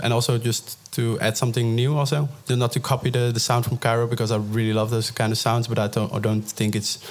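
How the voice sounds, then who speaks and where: Flat, low-voiced man rambling. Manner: rambling, filler-heavy. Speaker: DJ and producer guest. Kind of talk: casual interview chat.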